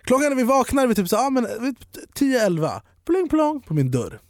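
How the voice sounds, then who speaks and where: Young male podcast host, high lively voice, dry close mic, comic storyteller. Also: no room sound. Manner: animated, acts out dialogue with quick voice jumps. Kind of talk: comedic storytelling.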